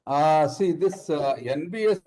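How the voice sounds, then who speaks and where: A man asking a question in an online seminar, halting and hesitant, his call audio breaking up and cutting in and out. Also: a little high, animated, warm tone. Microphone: video call.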